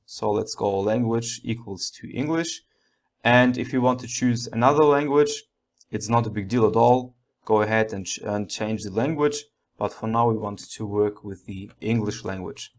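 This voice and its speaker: A man giving a step-by-step programming tutorial, thinking aloud and often checking in with a short okay. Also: medium pitch.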